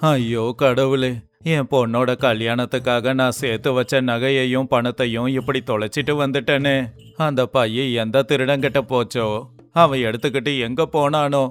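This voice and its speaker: Guy doing a distraught village headman in a cartoon, wailing, mid pitch. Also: fairly even intonation, normal speed, clean tone, dry recording, soft background music, close to an everyday voice. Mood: lamenting. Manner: wailing, lamenting.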